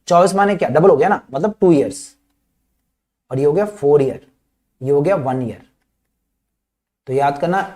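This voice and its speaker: A man with an Indian English accent giving a revision lecture, drilling points with repeated questions and clearing his throat often. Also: on the high side, a little mellow. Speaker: medical lecturer.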